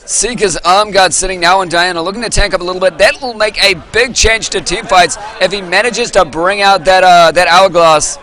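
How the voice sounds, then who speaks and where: High, bright-voiced excitable esports caster man. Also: moderate pace, few pauses. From New Zealand. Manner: excitable, rambling, self-interrupting. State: losing his voice. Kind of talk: live esports commentary. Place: live event venue with audience.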